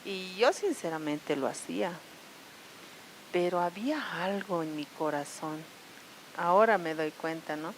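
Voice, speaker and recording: A woman with a La Paz Bolivian accent shares her personal testimony, earnest and halting, often restarting and tagging her sentences with questions. Her voice sits fairly low. A faint hiss runs under it. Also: animated, low-quality recording. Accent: Bolivian Spanish, La Paz. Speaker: church member giving testimony. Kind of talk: personal testimony at a prayer service.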